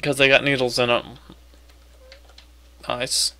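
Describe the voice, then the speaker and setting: Male gamer, unhurried and crisp, casually reading game text and reacting in a dry-sounding space. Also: medium pitch, level tone, pushed and bright. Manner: self-talking, casually reacting. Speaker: gamer playing on commentary. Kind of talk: casual game commentary with on-screen text read aloud.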